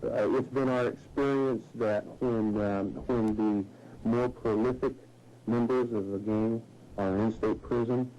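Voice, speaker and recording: A man's voice: medium pitch, steady tone, unhurried, mellow. A man speaking as a police chief in a news interview, starting his answers with a few hesitant fillers, heard from a worn VHS tape copy. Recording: dull lo-fi worn tape with faint hiss.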